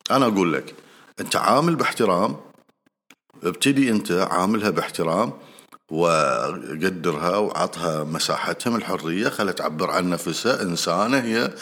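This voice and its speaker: A man with a Gulf Arabic accent giving casual, earnest advice straight to the listener, repeating points and pausing on fillers. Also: low voice, expressive, a bit bright. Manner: earnest and repetitive, addresses listener directly; frequent hesitations and fillers. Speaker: speaker giving marriage advice.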